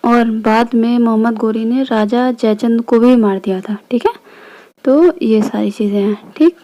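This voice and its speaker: A woman's voice: on the high side, unhurried, mellow, dull audio. A woman from India teaching a history lesson in a casual, chatty way, often stopping to check in with her listeners. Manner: chatty, frequent "theek hai" check-ins.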